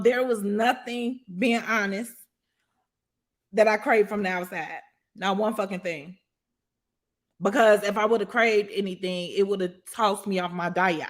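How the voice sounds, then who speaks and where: A woman telling a story in a loose, profane way, laughing often and asking "you know what I'm saying.". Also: mid-range voice. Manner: profane, animated, frequent laughter. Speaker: guest storyteller. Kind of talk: casual storytelling.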